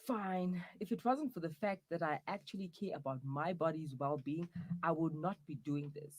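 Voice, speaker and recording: In a comic audio drama, a man plays a touchy young boyfriend trapped in the wrong body, grumbling and breaking into whiny outbursts. His voice is husky and a little high, at a moderate pace, and the acting is light.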